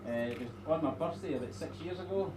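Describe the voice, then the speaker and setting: A middle-aged man with a slightly high voice gives an informal wedding toast in an echoey room. He rambles along with pauses and dry, teasing asides. The microphone is some way off. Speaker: father of the bride giving a wedding speech. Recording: echoey room, distant mic, noisy background.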